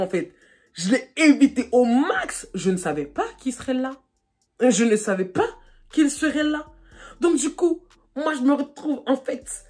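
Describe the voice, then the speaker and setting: A young woman vlogger telling a casual storytime, animated and excitable, her voice jumping high when she gets embarrassed. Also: slightly rough. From France. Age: young adult. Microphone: phone camera.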